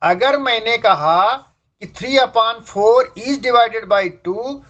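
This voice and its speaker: In a dull lo-fi recording, a math teacher draws out his words in an extremely high, fairly bright voice. His classroom lecture on fractions moves step by step, with the key points repeated.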